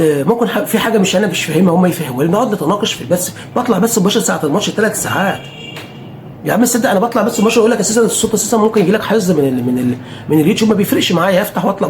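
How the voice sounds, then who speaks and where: A man's voice: high-pitched, a little mellow, a little hiss or hum. A man with an Egyptian Arabic accent, a football fan streamer talking casually to camera, repetitive and emphatic, swearing oaths.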